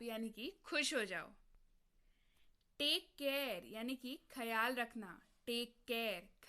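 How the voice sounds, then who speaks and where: A young woman teaching everyday English phrases in Hindi, saying each phrase slowly and twice, and asking the viewer questions before she answers them. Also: high voice, fairly bright tone. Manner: slow, clearly drilled phrases repeated twice. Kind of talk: spoken English lesson in Hindi.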